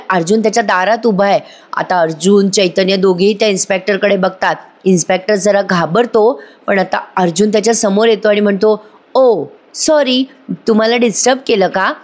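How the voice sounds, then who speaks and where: Lady retelling a tv episode, animated, voices everyone herself. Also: medium pitch. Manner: lively storytelling, acts out every character's lines. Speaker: TV serial reviewer. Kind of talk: voice-over episode recap.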